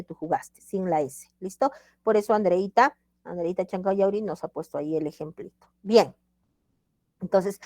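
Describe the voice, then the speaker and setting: A woman's voice: fairly low pitch, a little mellow, no echo, studio quality. A woman teacher giving a grammar lesson, emphatic and repeating examples with checks like "ready?". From Peru.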